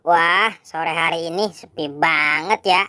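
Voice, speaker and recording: A woman's voice: sits low, steady tone, unhurried, dry recording. A woman voicing Boboiboy, a cautious boy who keeps scolding his friends with fussy warnings. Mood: worried. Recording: loud music underneath.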